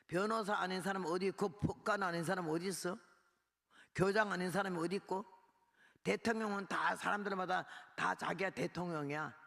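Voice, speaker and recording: Gravelly elderly woman preaching in hall. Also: on the low side, a little fast. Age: 80s. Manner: lively storytelling, acting out dialogue. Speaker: missionary preacher. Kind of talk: testimony sermon. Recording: long hall reverb.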